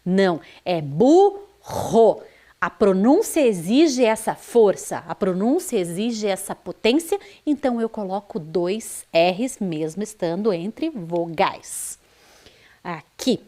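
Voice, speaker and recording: A woman with a Brazilian accent gives a video lesson to young schoolchildren. She speaks very slowly and stretches each word so the children can hear its sounds, with a voice of middling pitch. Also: expressive, dark tone. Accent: Brazilian Portuguese. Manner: slow, drawn-out words, stressing sounds for children. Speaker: teacher.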